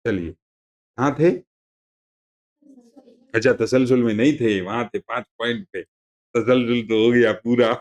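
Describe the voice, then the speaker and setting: A man of middle pitch teaching a classroom religious lesson. He talks informally and wanders off on side stories. He circles back to define each word twice over. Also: steady tone, measured pace, long pauses. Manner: conversational, digressive, explaining terms with repetition.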